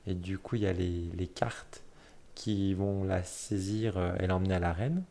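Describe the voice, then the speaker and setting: This man, whose voice sits somewhat low, goes through a tarot deck one card at a time in a relaxed way. His intonation stays fairly even as he murmurs soft, simple praise for each card, stumbling often with fillers and fast corrections.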